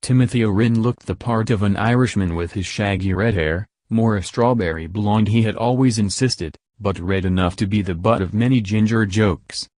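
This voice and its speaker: Low-voiced male audiobook narrator. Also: moderate pace, few pauses, a little mellow, dry recording.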